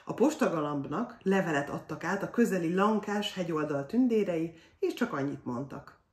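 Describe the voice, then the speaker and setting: A woman reading a children's fairy tale aloud in an expressive, animated way. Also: lowish voice, far from the mic. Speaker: storyteller. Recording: roomy echo.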